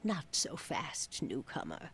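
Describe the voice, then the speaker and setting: Sly fortune teller lady from a game, real slow n cryptic, lowish voice, faint noise. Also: wildly swooping pitch, exaggerated voice. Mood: mysterious, coaxing. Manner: drawn-out, mysterious delivery, dropping to breathy hush. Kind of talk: video game character acting.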